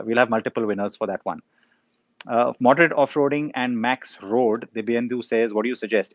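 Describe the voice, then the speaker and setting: Low-voiced middle-aged man, casual live Q&A host, slightly muffled dry recording. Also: no room sound. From India. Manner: conversational, frequent ums and uhs, addresses viewers by name. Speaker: editor answering viewer questions.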